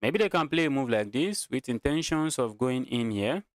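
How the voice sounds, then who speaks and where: With lively intonation and a moderate pace, a mid-pitched Nigerian chess streamer talks through his game casually, thinking aloud, repeating phrases and addressing viewers. The audio is dry with no room echo.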